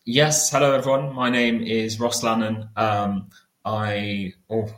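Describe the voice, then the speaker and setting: A man's voice: lowish voice, flat delivery, takes it slowly, a bit bright. A man in his late twenties from Cornwall, chatting casually as a podcast guest. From Cornwall, England. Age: late 20s. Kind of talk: casual conversation. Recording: roomy, echoey sound.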